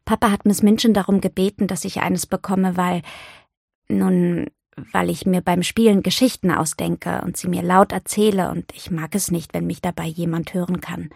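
A woman's voice: lowish voice, steady tone, normal speed, gravelly, darkish tone, breathy edge, no echo, studio quality. A woman voicing a clever, imaginative young girl in a storybook audiobook, speaking eagerly and playfully. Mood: earnest.

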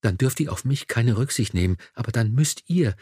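A man's voice: medium pitch, expressive, normal speed, darkish tone, breathy edge, no room sound, clean studio sound. A man voicing a weak, feverish noblewoman who pleads in a breathless whisper, in an audiobook. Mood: pleading. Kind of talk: audiobook dialogue.

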